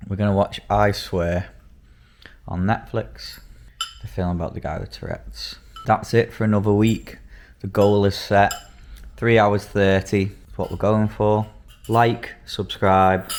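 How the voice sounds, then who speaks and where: A man's voice: lowish voice, a little mellow. A man hosting a casual home vlog, chatting upbeat about coffee and his meals in the kitchen. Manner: chatty, upbeat commentary on food and training. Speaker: vlog host.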